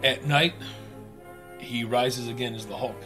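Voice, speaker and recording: A man's voice: medium pitch, measured pace, music in the background. A man co-hosting a live radio talk show, chatting casually and animatedly about a film, swearing freely. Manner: animated, swears, does funny voices. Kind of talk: casual chat.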